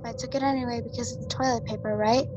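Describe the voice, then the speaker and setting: A woman telling a mock-spooky story in a hushed, dramatic way. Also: fairly high pitch, steady tone, fast, noisy background.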